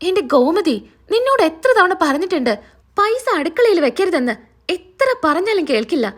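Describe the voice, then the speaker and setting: A woman's voice: extremely high pitch, sing-song, moderate pace. A woman reading a stern, fatherly man. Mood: scolding. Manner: scolding yet fatherly. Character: stern, protective middle-aged family man.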